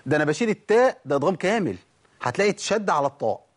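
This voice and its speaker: Fast-talking Egyptian tajweed teacher. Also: male voice, fairly high pitch, sing-song. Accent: Egyptian Arabic. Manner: asks and answers his own questions; demonstrates pronunciation. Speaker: Quran recitation teacher. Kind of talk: tajweed lesson.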